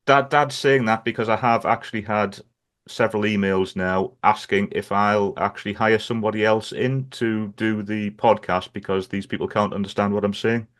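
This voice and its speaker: A man with a low voice and a Gateshead accent from England's North East hosts a podcast. He talks in a casual, conversational style. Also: steady tone, normal speed, fairly bright tone. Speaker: podcast host. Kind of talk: casual chat.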